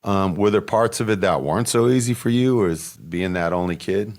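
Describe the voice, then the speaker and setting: A man hosting a podcast who asks his guest relaxed, probing questions. His voice is very deep. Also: fairly quick. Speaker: podcast host. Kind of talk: conversational interview questions.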